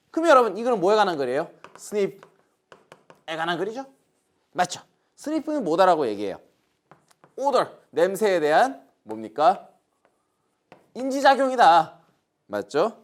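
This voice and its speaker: A man's voice: high-pitched, wildly swooping pitch, normal speed, long pauses. A Korean man teaching an English grammar lesson online, asking questions and answering them himself while pointing things out on the board. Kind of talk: online lecture.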